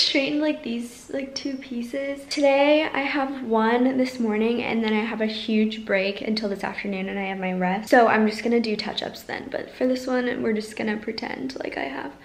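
A young American woman chatting casually to camera in a bubbly sorority-girl manner, peppering her talk with "like". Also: a little high. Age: young adult, around college age. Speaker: vlogger, student going through sorority recruitment. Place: small bedroom or dorm room, indoors. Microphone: camera mic at arm's length.

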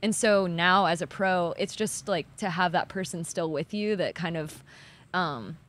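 Chatty young woman, low-voiced. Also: unhurried, fairly bright tone. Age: young adult. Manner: chatty, laughing, lots of "like". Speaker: athlete guest. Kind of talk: casual interview. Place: outdoor patio, backyard. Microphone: handheld mic.

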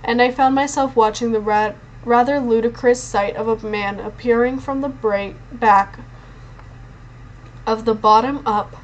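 A woman reads a novel aloud in the first person, her voice sitting a little on the high side. She stumbles and restarts now and then as she reads. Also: steady tone, measured pace, dull audio, a little hiss or hum. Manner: first-person narration with frequent slips and restarts. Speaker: reader.

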